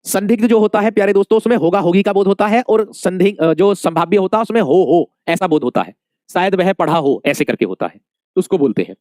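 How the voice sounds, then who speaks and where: A man's voice: sits high, fairly quick, darkish tone, no room sound, clean studio sound. A male Hindi teacher giving an exam-prep lesson, calling his students dear friends, asking questions and repeating the answers many times.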